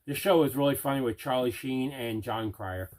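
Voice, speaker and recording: A man unboxes collectibles on camera, chatting casually and enthusiastically and doubling up words for emphasis. He has a mid-range, darkish-toned voice and talks at a normal speed.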